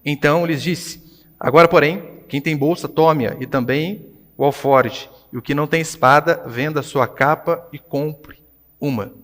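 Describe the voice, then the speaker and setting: A Brazilian pastor, a man, delivers a sermon with a Brazilian Portuguese accent. His voice sits slightly high for a man and moves between hushed remarks and loud, emphatic lines. A long hall reverb trails each phrase. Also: a little slow. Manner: animated preaching, swinging between hushed and loud. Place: church hall.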